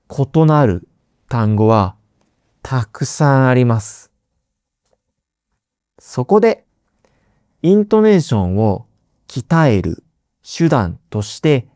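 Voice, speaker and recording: A man hosting a teaching podcast, speaking slowly and carefully enunciating, often repeating key words for learners. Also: mid-range voice, mellow, smooth, dry recording, studio quality. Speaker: Japanese teacher and podcast host.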